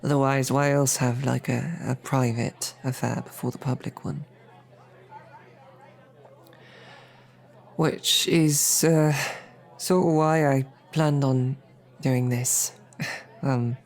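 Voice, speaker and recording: In an intimate audio roleplay, a woman voices a bashful knight and royal guard who is smitten, speaking haltingly and rambling in a flustered, self-deprecating way. She uses a very deep, slightly mellow, full character voice, sounding nervous and tender.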